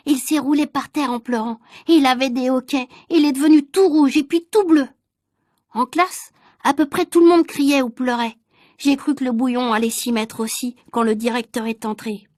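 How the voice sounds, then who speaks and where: A woman reading a children's storybook aloud clearly and expressively, at a measured pace for shadowing practice. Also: high voice, fairly even intonation, a little mellow, no echo, studio quality. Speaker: reader.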